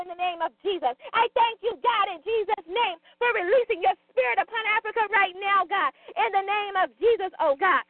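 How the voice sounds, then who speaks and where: High-voiced woman praying fervently over a phone line. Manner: repetitive, insistent, punctuating phrases with "God". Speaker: prayer leader. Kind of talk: fervent intercessory prayer. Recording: tinny phone-line audio.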